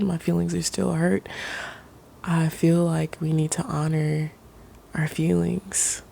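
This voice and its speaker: Woman, soft ASMR pep talk, near-whisper, mellow and even-pitched, halting delivery, faint noise behind. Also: vocal fry. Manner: halting, pausing mid-sentence. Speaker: ASMR creator. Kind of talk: soft-spoken ASMR, reflective personal talk.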